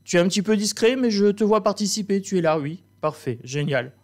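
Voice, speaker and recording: A man's voice: sits high, lively intonation, fairly quick. A man hosting, playing a mock-stern schoolteacher in a comic, theatrical way. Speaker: host. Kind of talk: comic teacher role-play.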